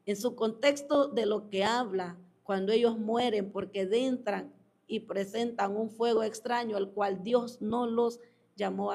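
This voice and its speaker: A woman preaching a sermon at a slow, unhurried pace, leaning hard on key words and pausing between phrases. Her pitch sits in a middle range as she calls her listeners beloved. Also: a little mellow. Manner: slow, emphatic preaching with drawn-out pauses; addresses listeners as beloved and reads out comments. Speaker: preacher hosting a program.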